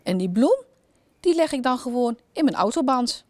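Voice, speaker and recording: A woman voicing a childish, greedy storybook king with a high, whiny voice. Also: normal speed, dry recording. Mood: glad. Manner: high-pitched, excited and whiny.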